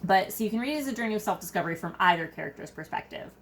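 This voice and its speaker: A woman's voice: medium pitch, animated, racing, fairly bright tone. A woman co-hosting a casual book discussion in an effusive way, peppering her talk with "like". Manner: effusive, heavy use of "like". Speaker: book review co-host. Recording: clear background noise.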